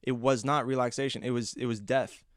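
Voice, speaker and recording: Young male podcast host, smooth and clear, close dry sound, rambling anecdotes full of restarts. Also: medium pitch, brisk, no echo. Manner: animated, acting out his own reactions. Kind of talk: casual storytelling monologue.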